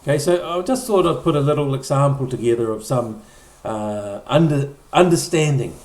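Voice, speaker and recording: A man's voice: mid-range voice, moderate pace, darkish tone. A middle-aged man preaching a conversational sermon, often repeating or restarting words and acting out short quoted lines. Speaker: pastor. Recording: echoey room.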